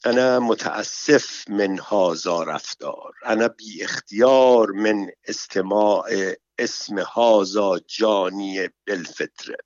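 A man reading a story, voicing a nosy and vengeful palace woman who speaks slow, heavily stressed broken Arabic. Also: mid-range voice, expressive, dry recording, lightly acted. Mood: soothing. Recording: dull, dry recording.

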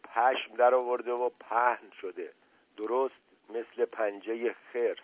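A man's voice: mid-range voice, steady tone, dry recording, natural voice. A man doing a blunt ruthless young villager. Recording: tinny phone-like dry recording.

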